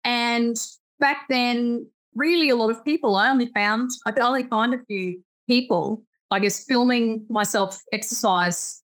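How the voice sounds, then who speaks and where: A woman's voice: fairly high pitch, unhurried. A woman in her fifties with an Australian accent, a physiotherapist chatting as a guest in an upbeat way. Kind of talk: conversational interview.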